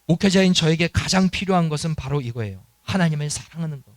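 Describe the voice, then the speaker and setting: A man's voice: high voice, no room sound. A middle-aged man preaching a sermon as pastor in a church, earnest, and acting out the quoted lines of dialogue. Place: church sanctuary.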